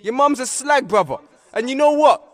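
A man's voice: very high voice, expressive, moderate pace, fairly bright tone. A man with a South London accent, trash-talking rivals in a profane, mocking diss skit. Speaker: rapper.

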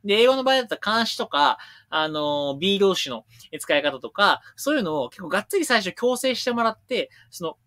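A man's voice: high-pitched, no echo, clean studio sound. A man hosting a casual livestream, reading out viewer questions and answering them bluntly, with jokes. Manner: rapid-fire, animated, blunt and joking.

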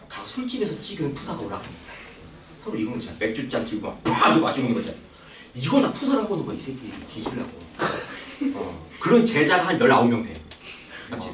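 A man teaching a math class in a loose, joking way, using coarse slang and constantly asking whether students agree. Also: medium pitch. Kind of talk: casual classroom lecture with teasing. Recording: echoey classroom recorded from far off with noise.

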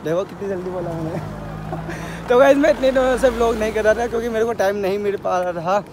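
Brief: excitable young man, high voice, breathless from climbing, outdoor phone audio with loud background noise. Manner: fast, excitable, joking banter. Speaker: vlogger. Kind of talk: casual outdoor vlog. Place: outdoors on a rocky hill.

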